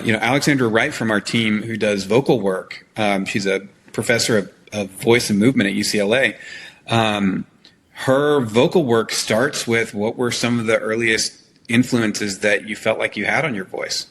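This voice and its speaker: A middle-aged man, a trial consultant and longtime actor, answering interview questions in an animated coaching tone and often checking in with "right?". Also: medium pitch, slight background noise.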